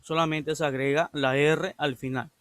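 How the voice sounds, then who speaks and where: A man's voice: a little high, fairly even intonation, normal speed, fairly bright tone, dry recording. A male English teacher giving a recorded lesson, patiently explaining and repeating grammar rules step by step. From Ecuador.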